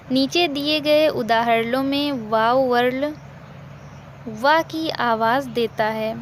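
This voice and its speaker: Delivering a language lesson, a fairly high-voiced woman moves at a very slow, deliberate pace. Every example gets repeated, and she asks questions only to answer them herself, with faint noise in the background.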